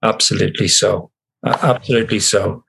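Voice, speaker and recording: A man's voice: on the low side, fairly quick, creaky, a bit bright, slightly rough. A man hosting a podcast, wrapping up an interview with thanks in a playful manner. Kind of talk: interview wrap-up.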